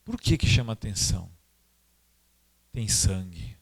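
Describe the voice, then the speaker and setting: Animated Brazilian man telling stories. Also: measured pace, vocal fry, husky. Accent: Brazilian Portuguese. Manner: animated, conversational, pitch swinging widely, frequent tag questions. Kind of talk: informal talk with storytelling.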